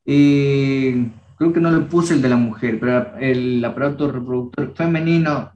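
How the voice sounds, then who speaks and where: Unhurried young male language teacher, echoey. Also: medium pitch, a little mellow, muffled recording, a little hiss or hum. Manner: patient, repeats each word slowly for pronunciation. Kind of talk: teaching a class.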